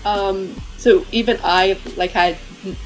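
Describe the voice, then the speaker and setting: A woman's voice: mid-range voice, fairly even intonation, slow, faint music behind, low-quality recording. A woman author who stutters heavily, with repeated sounds and blocks, talking casually in an interview.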